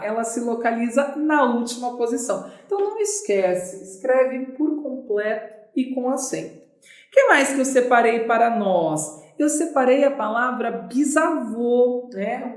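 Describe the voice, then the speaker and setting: A Brazilian woman with a fairly high voice gives a chatty online grammar lesson. She takes her time, asking questions and answering them herself. Her voice bounces around an echoey room. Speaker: Portuguese teacher.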